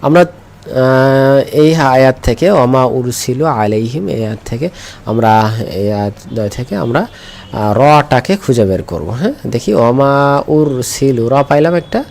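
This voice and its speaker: A man's voice: mid-range voice, animated, measured pace, gravelly, darkish tone. A man teaching Quran reading and Arabic letters, drilling pronunciation with call-and-response and patient repetition. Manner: patient, repeats each letter and asks learners to echo.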